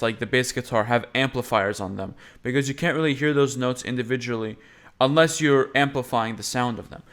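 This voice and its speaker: Voice teacher, male, mid-range pitch, casual rambling reaction commentary. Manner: casual, rambling, frequent fillers.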